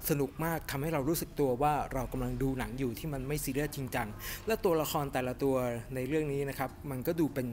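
A middle-aged man giving a casual, animated film review to camera in a cinema lobby, chatting with lots of fillers. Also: medium pitch. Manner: chatty and animated, refers to himself by nickname, many fillers. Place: cinema lobby in front of a movie poster, indoors.

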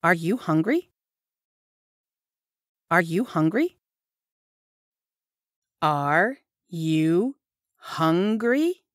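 A woman's voice: on the low side, lively intonation, extremely slow, long pauses, no echo, clean studio sound. A woman teaching English phrases, saying each one whole, then word by word. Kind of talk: slow repeated phrase drilling.

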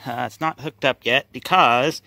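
A man's voice: medium pitch, a little slow, pushed and bright, dry recording. A man, casually walking viewers through his car restoration in a garage, rambling and folksy.

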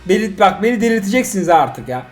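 Excitable man commenting on a game. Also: sits high, rapid-fire, over loud music. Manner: excitable, exasperated, joking. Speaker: father playing a mobile game with his son. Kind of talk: casual gaming commentary.

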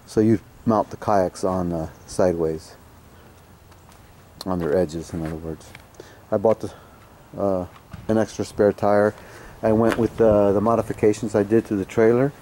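A man with a fairly low, mellow voice talks through a casual product review, stopping often for fillers and restarts. He gives blunt opinions. He is recorded outdoors on a camera mic, with faint ambient noise behind him. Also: steady tone, moderate pace, pauses often. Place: outdoors on a home driveway.

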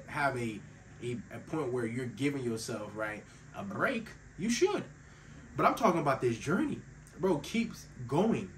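Young man, earnest self-improvement vlogger, voice a bit under the weather, recorded somewhat off-mic with light ambient noise. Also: on the high side. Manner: earnest and emphatic, calls listeners bro and fellas. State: voice a little sick. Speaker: faith-based self-improvement YouTuber. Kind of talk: casual motivational talk to camera. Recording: slightly distant mic with faint ambient noise.

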